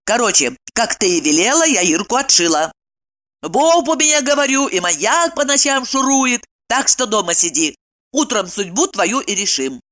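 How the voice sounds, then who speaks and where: A woman's voice: on the high side, sing-song, fairly bright tone. A woman reading an audiobook, voicing a blunt, touchy woman of about thirty. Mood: conspiratorial. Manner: blunt, quick to take offence.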